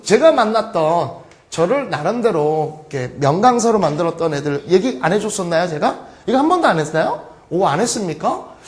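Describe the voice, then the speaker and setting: A man with a voice on the high side teaches an online English grammar lecture, with a little hiss or hum in the audio. He is lively and joking, acting out his students' questions in their voices.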